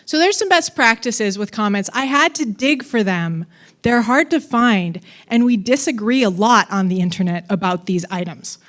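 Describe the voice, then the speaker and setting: A woman's voice: medium pitch, animated, moderate pace, a bit bright. A woman giving a conference talk on coding, casual and playful, with fillers and asides. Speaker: conference speaker.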